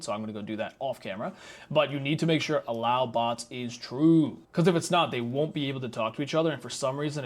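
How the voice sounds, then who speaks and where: A young man hosting a casual screen-recorded tutorial, talking through each step in a chatty, slangy way with self-mocking asides. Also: medium pitch. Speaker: tech tutorial host.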